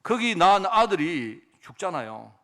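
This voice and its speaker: Lively conversational man preaching a sermon. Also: sits high, moderate pace. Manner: conversational storytelling, acts out dialogue in asides. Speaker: pastor.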